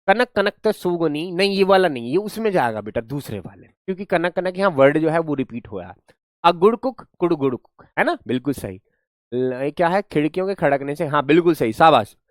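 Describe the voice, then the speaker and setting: A male teacher runs a grammar lesson with a very lively, swinging pitch. He drills sounds by repeating them and keeps praising his students. His voice is recorded close and dry. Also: no echo.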